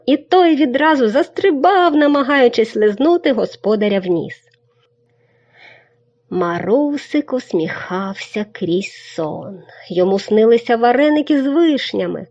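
A woman reading a children's story aloud with expressive storybook narration. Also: mid-range voice. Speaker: reader. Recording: dull lo-fi recording.

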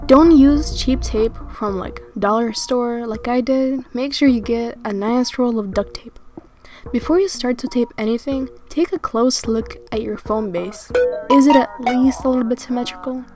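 A woman's voice: on the high side, normal speed, a little mellow, soft background music. A woman giving frank, self-deprecating craft tips while speaking from inside a mask. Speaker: fursuit maker. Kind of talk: casual tutorial voice-over.

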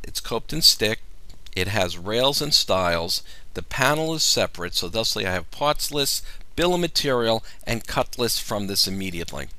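A man giving a measured, step-by-step software tutorial as a voice-over. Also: lowish voice, sing-song, dry recording. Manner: measured, explanatory walkthrough. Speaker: software demonstrator. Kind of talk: screen-recorded software tutorial.

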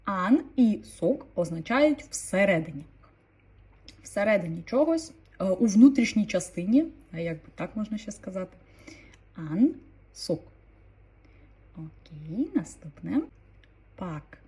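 Mellow, husky-voiced woman teaching vocabulary. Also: mid-range voice. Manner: explains calmly, repeats each word twice. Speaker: language teacher. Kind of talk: online language lesson.

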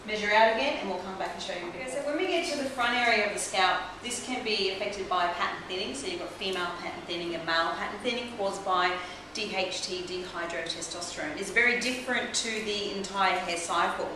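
A woman's voice: mid-range voice, fast talker, few pauses. A woman in her forties, a trichologist, explains a technique step by step while working on a client in a small clinic room, recorded by a camera mic across the room. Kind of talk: hands-on instructional demonstration. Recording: roomy echo from a distant camera mic, clear background hiss.

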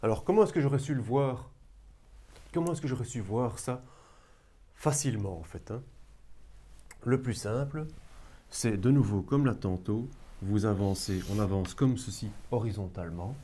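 A man's voice: lowish voice, normal speed, long pauses, mellow. A man teaching a math lesson to a class, coaxing his students and talking to them directly. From Belgium.

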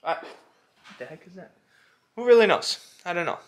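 Vlogging a DIY barn renovation from inside the old barn, a man talks casually and uncertainly to camera, working things out aloud on his walkthrough. His voice sits high, with big pitch swings and a moderate pace.

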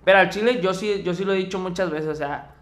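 A man's voice: high-pitched, fast, a bit bright. A young man with a Mexican Spanish accent, co-hosting a podcast and telling a story in casual, slangy chat, acting out the quotes. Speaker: podcast co-host.

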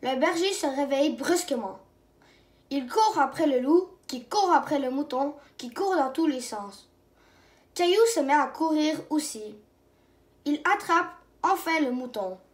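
Slow, high-voiced woman reading a storybook. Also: animated. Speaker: storybook reader. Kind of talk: children's book reading. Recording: roomy echo.

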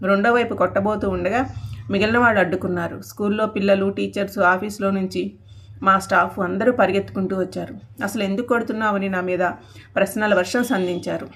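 A woman with a Telugu accent, narrating a first-person audio story in an earnest, steady way. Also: mid-range voice, fairly quick.

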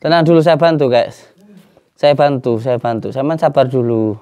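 A man, a spiritual healer calming a distressed person with repeated soothing pleas and murmured prayers. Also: mid-range voice, moderate pace. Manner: repetitive, soothing, pleading for calm. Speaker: spiritual healer and channel host.

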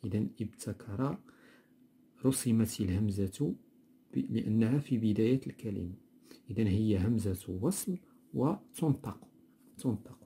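Moroccan guy teaching a textbook lesson, dark mellow voice, kinda husky, repeats stuff slowly. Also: lowish voice, expressive. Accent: Moroccan Arabic. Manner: explanatory, repeats words slowly, mixes dialect with standard Arabic.

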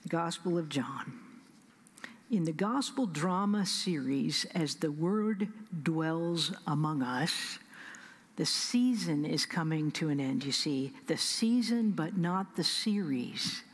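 A middle-aged woman pastor with a Midwestern American accent, preaching a sermon at a pulpit microphone, measured and emphatic, with slow pauses and soft whispered asides. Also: low voice, lively intonation, husky. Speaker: senior pastor. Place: large church sanctuary. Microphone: pulpit stand mic. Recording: long church reverb.

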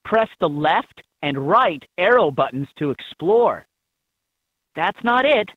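The helper character in this children's educational game is voiced by a man who delivers scripted, upbeat instructions in a high, sing-song, heavily acted voice at a slow pace. There's no room sound, though the audio is tinny and band-limited, typical of handheld game clips.

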